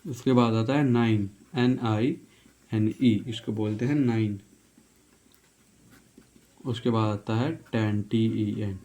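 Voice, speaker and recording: A man's voice: on the low side, fairly even intonation, slow, long pauses, mellow. A male teacher giving a casual spoken lesson, spelling words letter by letter, repeating each pronunciation and checking in with "okay". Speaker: English teacher.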